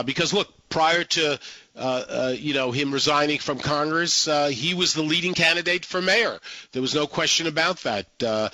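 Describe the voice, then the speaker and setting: A man hosting a radio call-in show in a bright, forceful voice pitched a bit high. His political talk comes in halting, repeated phrases, with a dry studio sound. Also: no echo.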